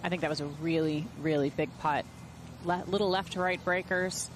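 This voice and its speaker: A woman's voice: low-pitched, steady tone, moderate pace. A woman commentating live on golf as an analyst, explaining shots and technique. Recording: loud outdoor noise behind voice. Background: loud outdoor noise.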